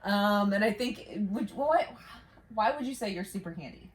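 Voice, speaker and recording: A woman's voice: medium pitch, animated, moderate pace, slight background noise. A woman hosting a vlog in casual, chatty style, recorded inside a small camper trailer. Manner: chatty, laughs easily while talking. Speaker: vlog host. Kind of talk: casual chat to camera.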